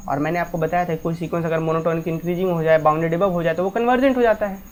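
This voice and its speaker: A woman's voice: fairly low pitch, fairly even intonation, quick pace, darkish tone, slight background noise. A woman maths teacher explaining a lesson step by step, mixing English maths terms into her talk and asking students many questions.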